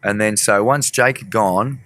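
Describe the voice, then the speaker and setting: Deep-voiced man telling a story. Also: unhurried, a bit bright. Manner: rambling, swears casually. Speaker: guest musician. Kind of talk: casual storytelling in a podcast interview.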